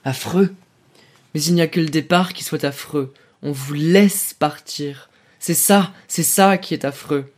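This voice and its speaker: A man voicing a shrill, shattered young officer. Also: normal speed, slightly rough. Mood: bitter anguish. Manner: shrill, feverish, broken outbursts. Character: shattered young male officer, bitter, near hysterical.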